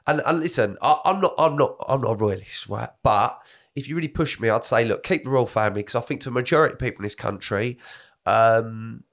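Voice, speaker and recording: A man with a southern English accent and a gravelly voice, hoarse from a cold, chatting in blokey, sweary podcast banter. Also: medium pitch, fairly quick, a bit bright. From Britain. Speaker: podcast host and comedian.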